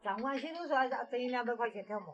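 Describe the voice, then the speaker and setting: A villager of around seventy from rural Sichuan, near the Guizhou border, is interviewed and chats casually in Sichuan dialect, giving plain, colloquial short answers. Her voice is a little high, expressive, fast and a bit bright, and the recording is muffled.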